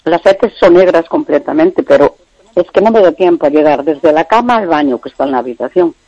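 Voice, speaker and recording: Woman, over the phone, gravelly voice, dry muffled line, frank caller. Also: low-pitched, lively intonation, a little fast, warm tone, no echo. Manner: frank and matter-of-fact, describing symptoms. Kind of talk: radio call-in question.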